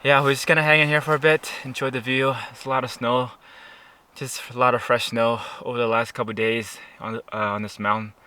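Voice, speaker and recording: A man chatting casually to camera as a camping vlogger out in the cold, speaking haltingly as he searches for words, his mouth a little stiff from the chill. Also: medium pitch, little pitch movement, pushed and bright, a little hiss or hum. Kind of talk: casual vlog chat to camera. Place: outdoors at a snowy mountain campsite.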